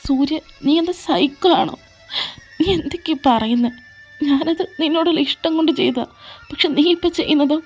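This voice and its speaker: A woman's voice: high voice, normal speed, darkish tone, voice pushed up, natural voice. A woman voicing a heartbroken young man in a fan audio drama, pleading and tearful. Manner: pleading, crying out in protest. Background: faint background music.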